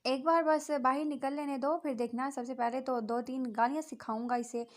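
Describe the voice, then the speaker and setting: A woman's voice: high voice, fairly even intonation, moderate pace, lightly acted. A woman voicing a playful young man who teases and jokes, in a storybook reading. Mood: teasing. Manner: jokey, teasing.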